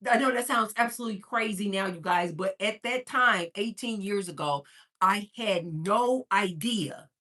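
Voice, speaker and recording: A middle-aged woman hosting a livestream and telling a story in an animated way. She laughs often and swings between whispers and shouts. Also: medium pitch, moderate pace. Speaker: livestream host. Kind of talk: casual storytelling.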